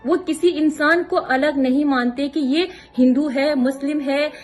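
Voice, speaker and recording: Woman from himachal pradesh, high voice, indignant vlog rant, faint music behind. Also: steady tone, unhurried. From Himachal Pradesh, India. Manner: indignant, scolding, repeats words for emphasis. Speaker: vlogger. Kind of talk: impassioned vlog monologue.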